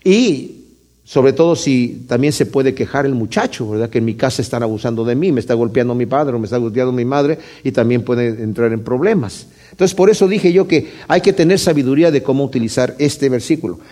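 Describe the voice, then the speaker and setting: A man's voice: medium pitch, lively intonation, a little fast, mellow. A man, a pastor, preaching a conversational sermon and often checking in with his listeners. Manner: conversational preaching with frequent tag questions.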